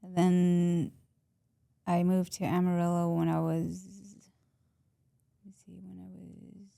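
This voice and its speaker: Low, gravelly woman from Texas. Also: monotone, slow, no room sound. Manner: soft-spoken, short plain answers. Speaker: podcast guest. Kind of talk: interview answers.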